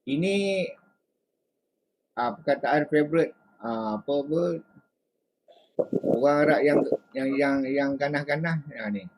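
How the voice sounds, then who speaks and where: A man with a Malaysian Malay accent, tutoring Arabic in a relaxed, casual chat and saying "ha" often. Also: a little high, slow, pauses often, poor audio.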